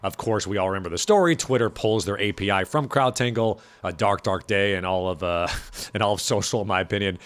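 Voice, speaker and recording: Raspy, sick-sounding man, quick talker. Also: fairly low pitch, a bit bright. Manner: fast, upbeat chatty delivery. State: hoarse from being sick. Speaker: podcast host. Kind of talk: casual podcast outro.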